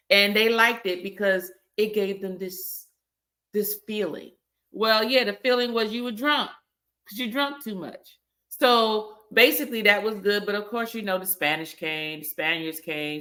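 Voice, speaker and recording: A woman's voice: fairly low pitch, pushed and bright. A woman hosting a casual tasting review, chatty and colloquial, telling stories in a rambling way. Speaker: host reviewing spirits.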